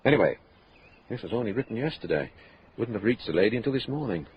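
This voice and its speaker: An actor in his fifties playing a shrewd, urbane police inspector in a radio drama, measured, dry and courteous. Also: lowish voice, lively intonation, dull audio, slight background noise, close to an everyday voice. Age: 50s.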